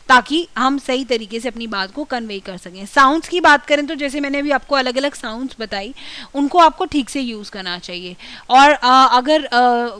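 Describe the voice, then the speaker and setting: A woman, an English communication trainer giving a classroom lecture and saying example words slowly and carefully. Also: high voice, a bit bright, clear, resonant tone, no room sound. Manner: explains in mixed Hindi and English, slow careful example words.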